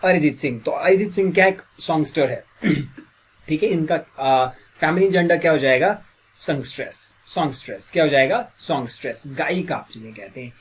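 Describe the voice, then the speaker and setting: A man teaching English grammar as a classroom lesson, quizzing listeners with repeated questions. He has a slightly sore throat and clears it often. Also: a little high, fairly quick.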